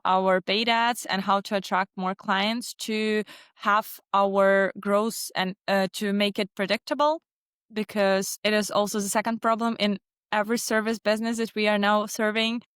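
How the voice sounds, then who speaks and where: Ukrainian-accented woman, smooth dry voice. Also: mid-range voice, a bit bright, no echo. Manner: non-native phrasing with frequent restarts. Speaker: guest, agency founder. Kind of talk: casual interview answers.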